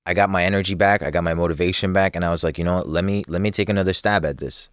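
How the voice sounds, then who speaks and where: A man's voice: sits low, fairly even intonation, racing, clean tone, no echo, clean studio sound. A young man from New chatting casually as a podcast guest, laid-back, laughing often and using street slang. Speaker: podcast guest, clothing brand co-owner.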